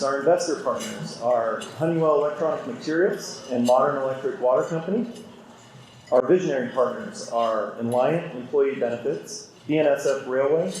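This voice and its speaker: A man's voice: on the high side, darkish tone. A man speaking at a podium microphone as emcee of a civic event, steadily announcing names and partners in a formal way. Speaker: chamber of commerce president and event emcee. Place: large indoor event hall. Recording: echoey hall PA sound.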